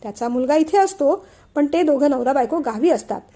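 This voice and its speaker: A woman's voice: sits high, animated, a little fast, warm tone. A woman doing a hearty older father. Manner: hearty, insistent host. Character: cheerful older father of the house, a man.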